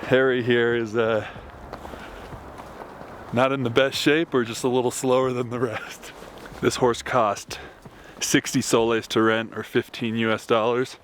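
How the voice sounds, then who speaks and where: A man's voice: medium pitch, level tone, measured pace, a little hiss or hum. A man casually narrating his travel vlog as he goes. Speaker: travel vlogger.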